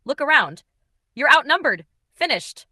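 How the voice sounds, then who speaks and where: Lady narrator doing an icy mafia boss, calm short orders, bright close voice. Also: fairly high pitch, normal speed, no room sound. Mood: commanding. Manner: calm, commanding, clipped. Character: ruthless male mafia boss, cold and protective.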